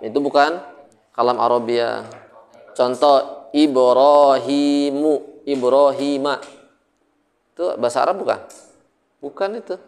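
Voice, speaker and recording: A man's voice: mid-range voice, unhurried, pauses often. Joking Indonesian man teaching a class. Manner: jokey, asks students questions often. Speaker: Arabic grammar teacher. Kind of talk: casual classroom lesson.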